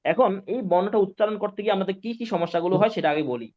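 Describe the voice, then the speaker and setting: A man's voice: high voice, very fast, a little mellow. A male Quran teacher, giving a live online pronunciation lesson, patient and repetitive, often checking whether students follow. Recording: dull lo-fi sound.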